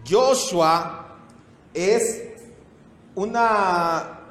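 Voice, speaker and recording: Slow, echoey male Bible teacher. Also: sits high, fairly bright tone. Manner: slow, repeats terms, calls on listeners by name. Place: church meeting room with projector. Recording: echoey hall.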